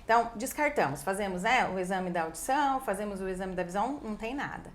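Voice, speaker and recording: A woman with a Brazilian Portuguese accent, a speech therapist guest, explaining in a lively, chatty way and often tagging her sentences with a quick question. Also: mid-range voice, a little hiss or hum. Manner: lively, acts out parents' voices, frequent "né". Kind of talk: casual explanatory conversation.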